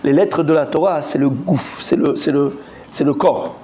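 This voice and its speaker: Un homme rabbin qui donne un cours de Talmud animé, interroge ses élèves et répète ses mots en s'emportant. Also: male voice, normal speed, a little hiss or hum. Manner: animated, quizzes the students, repeats words, rising pitch when excited. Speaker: rabbi teaching a Talmud class. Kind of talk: lively Torah class.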